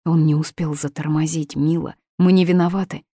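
Woman reading a calm steady father. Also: deep voice, moderate pace, breathy edge, no echo, studio quality.

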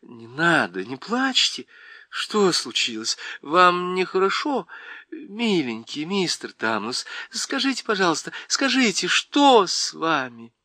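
A man's voice: fairly high pitch, big pitch swings, slow pace, bright, forceful tone, dry recording, studio quality, pitched above the performer's own voice, full character voice. A man voicing a kind, earnest young girl in a storybook reading, anxious and pleading. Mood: worried pleading.

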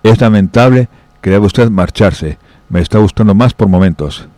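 A man voicing El Coyote, a suave masked outlaw gentleman, in a read-aloud story, calm, ironic and measured. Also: on the low side, no echo, close to an everyday voice. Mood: smooth, ironic.

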